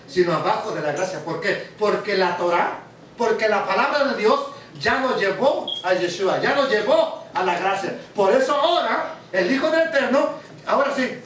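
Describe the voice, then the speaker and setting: A man's voice: very high voice, fairly bright tone, slight background noise. A man teaching a sermon to a congregation, often asking the audience questions. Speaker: preacher. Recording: very echoey hall, mic far off.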